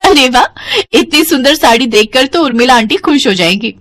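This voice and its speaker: A woman voicing a young, thrifty, polite daughter-in-law, in a higher voice than her own. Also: expressive, normal speed, a bit bright. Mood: pleased. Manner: polite, eager. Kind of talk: animated family story voice acting.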